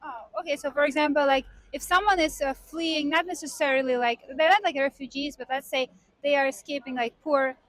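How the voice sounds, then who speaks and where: A woman's voice: sits high, fairly even intonation, brisk, rough recording. A woman interviewing people on a city street, asking probing questions with many fillers.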